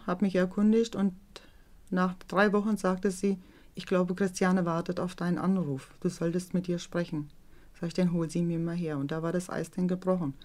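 In a documentary interview, a middle-aged mother of a teenage daughter talks candidly and reflectively about motherhood. Her voice sits lowish with a darkish tone, and she speaks somewhat haltingly, often tacking on tag questions to seek agreement.

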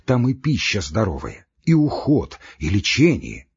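A sentimental old postmaster who fusses over his friend in a husky, pleading murmur, as a male narrator puts him on. The recording is dull and lo-fi. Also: fairly low pitch, wildly swooping pitch, unhurried, full character voice. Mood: coaxing. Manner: tender and coaxing to his friend, barking at staff.

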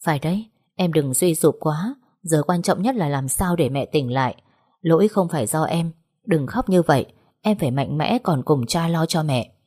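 A gentle, reassuring young husband in a storybook, voiced by a woman narrator. The voice is low, mellow and slightly husky. He speaks softly, in a comforting way. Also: animated, moderate pace. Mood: consoling.

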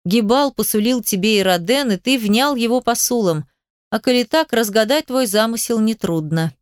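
A woman's voice: fairly high pitch, animated, normal speed, clear, resonant tone, dry recording, studio quality, close to an everyday voice. A woman voicing a proud young male herald who speaks coldly and with control. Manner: cold, controlled.

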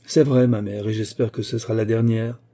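A man's voice: on the low side, flat delivery, a little fast, mellow, lightly acted. A man reading an audiobook voices a worried young man giving evasive, earnest answers to his mother.

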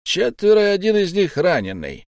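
A man voicing a sly, smooth-talking old pirate captain whose mock friendliness hides a threat, in an audiobook. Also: high-pitched, huge pitch swings, normal speed, a little mellow, dry recording, studio quality, voice pushed up, exaggerated voice. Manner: mock-friendly, coaxing, menacing underneath.

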